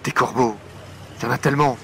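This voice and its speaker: A man's voice: medium pitch, steady tone, fast talker, slight background noise, lightly acted. A man playing a desperate, protective father in an audio horror drama, speaking urgently and insistently. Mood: alarmed. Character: desperate protective father warning of zombie attack.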